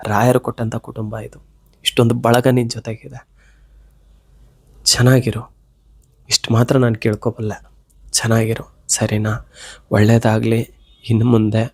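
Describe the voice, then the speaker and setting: Earnest, pleading man with a flat delivery. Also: medium pitch, no echo. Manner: earnest, pleading, gently coaxing. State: unwell with a fever. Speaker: devotional motivational speaker. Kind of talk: direct heartfelt address to the viewer.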